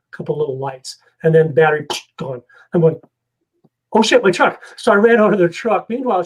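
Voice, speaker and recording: A guest investigator with a fairly high-pitched voice tells a story casually and with animation, acting out each scene. The recording is rough.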